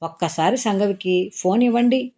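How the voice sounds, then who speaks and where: A woman's voice: mid-range voice, normal speed, mellow, pitched above the performer's own voice, natural voice. A woman reading a Telugu audiobook story, voicing an apologetic, affectionate young man who soothes his crying girlfriend. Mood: apologetic, tender. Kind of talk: audiobook character voice.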